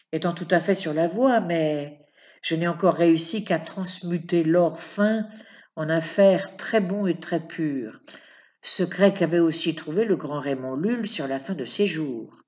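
A sly, mocking old bohemian sorcerer speaks low and soft, taking his time over every word, as a woman reading the story puts him on. His slow, measured speech carries quiet menace in a storybook telling.

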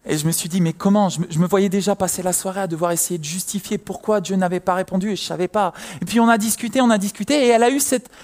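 A young man preaching a sermon, telling a personal story in a lively way and acting out the people in it. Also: sits high, fast, hardly any pauses. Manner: lively storytelling, acts out quoted voices.

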